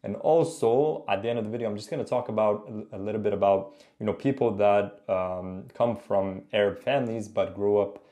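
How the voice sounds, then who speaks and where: A man's voice: on the low side, brisk, few pauses, dark tone. A man in his thirties giving casual reaction commentary and language tips in a conversational, explanatory way. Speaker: host, Arabic teacher. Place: small indoor room.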